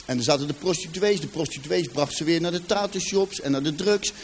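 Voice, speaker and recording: Man, Rotterdam accent, fairly high voice, personal testimony before a live audience, lively storyteller acting out dialogue, faint background hum. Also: a little fast. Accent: Rotterdam Dutch. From Rotterdam, Netherlands. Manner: vivid storyteller who acts out dialogue and addresses the audience directly. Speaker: speaker giving a personal testimony. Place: in front of a seated audience.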